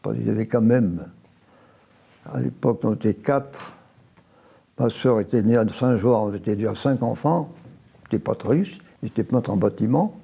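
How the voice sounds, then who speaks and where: A gravelly, dark, fairly low voice marks this French veteran in his nineties, raised near Évian after his first years in Italy. Interviewed for an oral history, he unhurriedly relates his memories while often restarting and correcting himself.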